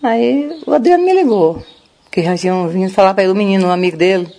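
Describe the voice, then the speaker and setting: Rushed, grieving older Brazilian woman. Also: mid-range voice, warm tone. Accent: Brazilian Portuguese. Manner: rushed, breathless retelling full of quoted dialogue. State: distressed, grieving. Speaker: grieving grandmother interviewed. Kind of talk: emotional first-hand account.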